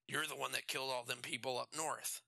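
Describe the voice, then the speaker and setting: A man's voice: medium pitch, fairly even intonation, fairly quick, creaky, pushed and bright, no room sound. A man voicing a blunt, mocking male prison guard in an audiobook reading. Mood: scornful. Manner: scornful, blunt.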